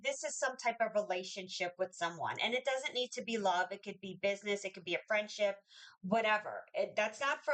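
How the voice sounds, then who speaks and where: A woman's voice: a little high, fairly bright tone, low-quality recording. A woman reading tarot cards for viewers in a chatty, reassuring way, with many fillers and restarts. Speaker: tarot reader.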